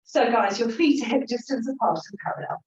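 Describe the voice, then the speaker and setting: A woman's voice: a little high, brisk, a little mellow. A woman teaching a Pilates class, encouraging the group as she counts reps and cues each breath. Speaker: Pilates instructor. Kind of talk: guiding an exercise class. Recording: roomy, slightly dull sound.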